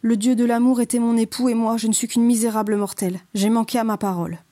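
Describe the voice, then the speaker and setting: A woman voicing Psyché, a young mortal woman who pleads and despairs in a high, loud voice, in a storybook reading. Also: fairly even intonation, fast, faint music behind, natural voice. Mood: despairing.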